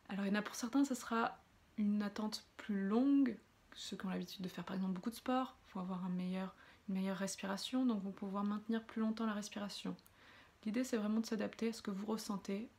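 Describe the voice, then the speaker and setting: Female relaxation coach, mid-pitched, gentle explanatory delivery for a guided breathing exercise. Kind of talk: guided breathing exercise, spoken directly to viewers.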